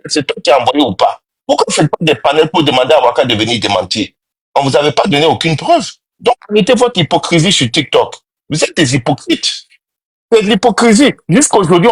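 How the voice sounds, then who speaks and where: A man's voice: a little high, slightly rough. A man on a TikTok live panel, indignant and accusatory, giving a heated rant at his critics.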